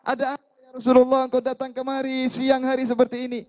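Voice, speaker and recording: A man preacher voicing a surprised household master who answers quickly and eagerly in a raised pitch, on a dull lo-fi recording. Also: monotone.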